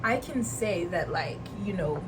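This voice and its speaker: A woman's voice: on the low side, lively intonation, a little slow. Chatty young woman, noisy home recording. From Nigeria. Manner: rambling, slangy, laughs often. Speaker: vlogger. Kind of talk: casual chat.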